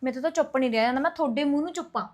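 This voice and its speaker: A woman's voice: high-pitched, lightly acted. An actress playing a young wife who patiently explains herself to her mother-in-law. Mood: hurt. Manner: pleading, explaining, quick. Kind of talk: village family drama acting.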